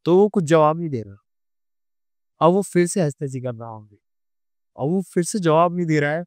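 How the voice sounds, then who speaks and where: A young man with a Delhi Hindi accent telling a true ghost story on a podcast, animated and acting out the scenes. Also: on the high side, normal speed, no room sound, studio quality. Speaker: podcast guest.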